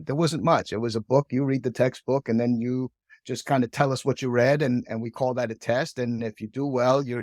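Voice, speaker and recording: A middle-aged man from Hong Kong, a podcast guest, tells his career story in a chatty, casual way, tacking "right?" onto many of his sentences. His mid-range voice is captured with studio quality and no echo.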